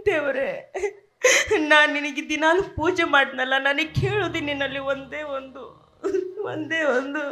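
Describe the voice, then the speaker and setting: ಒಬ್ಬ ನಟಿ ಆಡುವ ಅಳುತ್ತಿರುವ ದುಃಖಿತ ತಾಯಿ. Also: female voice, sits high, normal speed. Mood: anguished praying. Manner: wailing, tearful pleading to God. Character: grieving mother forced to poison her son. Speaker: stage actor. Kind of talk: emotional village stage drama. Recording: stage performance with loud live music.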